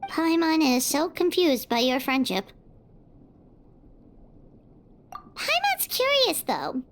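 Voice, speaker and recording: An actress voicing a tiny, nosy, chirpy fairy girl companion in an anime video game, squeaky and childlike. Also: huge pitch swings, a little slow, heavy background noise, exaggerated voice. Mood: curious, puzzled. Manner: squeaky, childlike, refers to herself by name.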